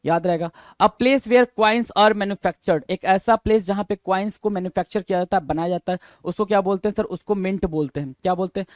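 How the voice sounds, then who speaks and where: Male vocabulary tutor, high register, repetitive question-and-answer drilling, dry close mic. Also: fairly quick, few pauses, dry recording. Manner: mixes Hindi and English, repeats each answer and spells it letter by letter; asks the viewer questions and answers them himself. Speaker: exam vocabulary teacher. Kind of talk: recorded vocabulary lesson.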